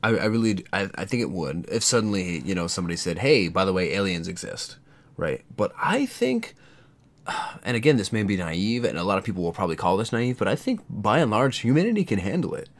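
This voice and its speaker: Casting: American male podcast co-host, low voice, earnest casual debater. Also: sing-song, fairly quick. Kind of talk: casual conversational chat.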